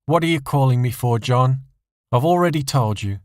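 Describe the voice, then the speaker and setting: A man's voice: mid-range voice, lively intonation, moderate pace, darkish tone, no echo, studio quality, voice pushed up, close to an everyday voice. A man voicing a bitter, scornful wife in audio story dialogue, cutting and accusatory. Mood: bitter, cold. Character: bitter, scornful wife refusing all sympathy.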